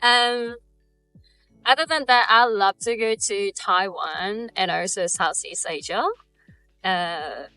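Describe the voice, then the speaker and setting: Brief: young woman, Japanese accent, chatty Q&A vlogger, bright, soft music underneath. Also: mid-range voice, slow, clear, resonant tone, low-quality recording. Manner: chatty, uses many "like" fillers. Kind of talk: casual Q&A chat.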